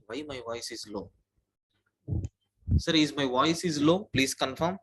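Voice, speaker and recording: Teaching programming online through his own computer mic, this man takes listeners through each step and keeps calling them "sir." He speaks unhurriedly in a husky, somewhat bright, medium-pitched voice with lively intonation, though the audio is poor.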